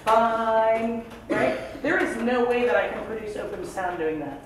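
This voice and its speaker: A woman's voice: medium pitch, animated, normal speed. A woman coaching singers in rehearsal, talking in a chatty, emphatic way and demonstrating as she goes. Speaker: vocal coach. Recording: echoey room, far mic, background noise.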